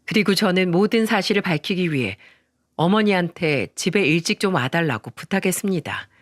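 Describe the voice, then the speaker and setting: A man's voice: high voice, lively intonation, moderate pace, no room sound, clean studio sound. A man narrating a dramatic first-person story with an indignant, emphatic delivery.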